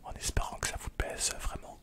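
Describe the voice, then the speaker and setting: A young man in a whispered role-play as a hairdresser, talking softly and playfully close to a microphone in a small room at home. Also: brisk. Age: young adult. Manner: soft whispering, relaxed and playful. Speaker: ASMR creator playing a hairdresser. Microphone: large mic close in front.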